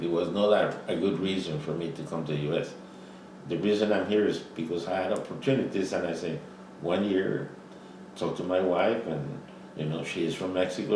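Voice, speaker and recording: An older man from Costa Rica, in his seventies, speaks in a very deep voice as the interviewee in an oral history. His delivery is halting and sprinkled with frequent "you know" fillers, and the recording sounds roomy and distant with faint noise.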